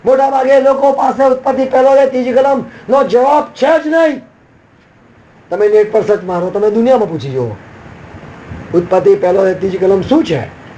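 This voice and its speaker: A man's voice: very high voice, fairly quick, mellow, highs cut off. A man preaching a sermon as a pastor, with sudden emphatic rises and repeated refrains.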